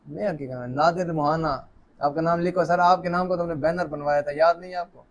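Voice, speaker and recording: The audio is dull as a man with a high-ish, steady voice hosts a live lucky draw briskly from an office, alone on camera. Chatty and joking, he greets viewers warmly and reads out names in relaxed live-stream talk.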